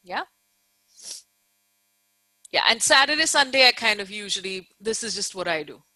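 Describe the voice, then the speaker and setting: A woman's voice: medium pitch, animated, moderate pace, sharp tone, no echo, poor audio. A woman teacher giving an informal live online lecture, explaining emphatically, repeating key points and often checking that listeners follow.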